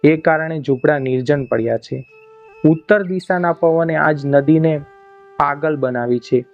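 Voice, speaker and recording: Male storyteller, folk tale narration, fairly high voice, measured dramatic reading, dull lo-fi sound. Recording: dull lo-fi audio, faint music.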